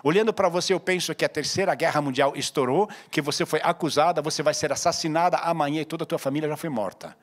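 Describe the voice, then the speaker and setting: High-voiced, animated preacher man. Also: quick pace, hardly any pauses. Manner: animated preaching, acting out dialogue with sudden loud and soft turns. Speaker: pastor. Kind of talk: sermon.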